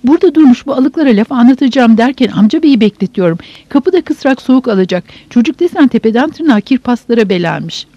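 A woman voicing a sharp-tongued, bossy older sister who scolds and nags sarcastically, in a dull, dry audiobook recording. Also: a little high, lively intonation, fast talker, few pauses, no room sound, voice pushed up. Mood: scolding.

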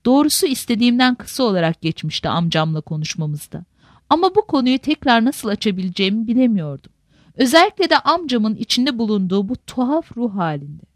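A woman narrating a novel in a measured, literary manner. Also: on the high side, very animated, no room sound, clean studio sound. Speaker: audiobook narrator.

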